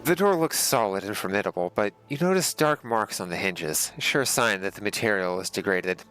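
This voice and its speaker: A man's voice: on the low side, animated, brisk, fairly bright tone, faint music behind, poor audio. A man reading game narration aloud with casual commentary as a streamer.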